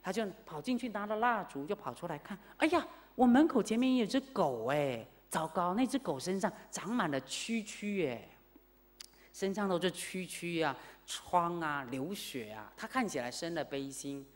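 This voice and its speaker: A woman Buddhist nun teaching a class, telling a story with lively asides and questions to her listeners. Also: lowish voice, normal speed. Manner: animated, asks the class questions. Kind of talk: storytelling sermon lecture. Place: Buddhist centre lecture hall.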